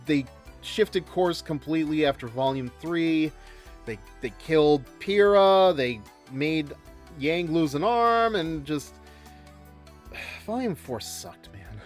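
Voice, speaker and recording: Animated man rambling casually on a game stream. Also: on the high side, slow pace, faint music behind. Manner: rambling, hesitant, conversational. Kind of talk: casual live commentary and chat.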